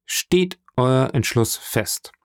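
A man's voice: medium pitch, animated, extremely slow, dry recording, clean studio sound. A man reading an audiobook, voicing a jealous, brooding young fisherman with an insistent delivery. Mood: pleading, jealous.

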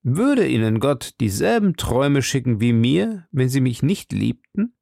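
A man's voice: mid-range voice, big pitch swings, unhurried, vocal fry, warm tone, dry recording, clean studio sound, voice pushed up, heavily acted. A man reading an audiobook, voicing a fatalistic, lovesick duke with earnest devotion. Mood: ardent.

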